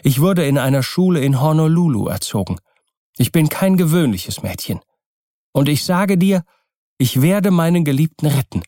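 A man's voice: on the high side, very animated, normal speed, warm tone, dry recording, pitched above the performer's own voice. A loving, determined young wife in a storybook reading, as a male narrator puts her on. Her voice climbs well above his own and sounds urgent and earnest. The recording is close and dry. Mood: impassioned. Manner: pleading, raised and earnest. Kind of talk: audiobook reading.

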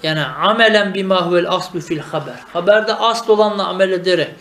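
A man's voice: high-pitched, brisk, a bit bright, echoey room. A man teaching Arabic grammar in a traditional lesson, asking questions and answering them himself. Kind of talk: traditional madrasa-style lesson.

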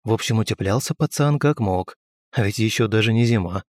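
A man's voice: lowish voice, fairly quick, no echo. Man reading a story in a dry close voice. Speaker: audiobook reader. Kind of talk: scripted narration.

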